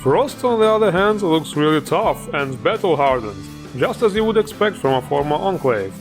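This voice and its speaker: A man's voice: fairly high pitch, very animated, normal speed, music in the background. A man hosting a game mod showcase, upbeat and joking, with plenty of enthusiasm. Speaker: host.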